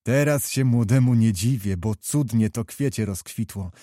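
A man's voice: lowish voice, moderate pace, warm tone, no echo, clean studio sound, close to an everyday voice. A man voicing a hearty, commanding old prince with jovial, courtly speech.

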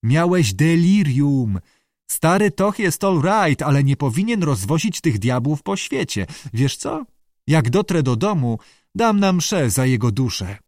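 A man's voice: a little high, sing-song, darkish tone, dry recording, studio quality. A man voicing a small, gossipy male Irish sailor in an audiobook, talking in a wheedling, conspiratorial way. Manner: wheedling, conspiratorial, quick to back down. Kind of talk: audiobook character voice.

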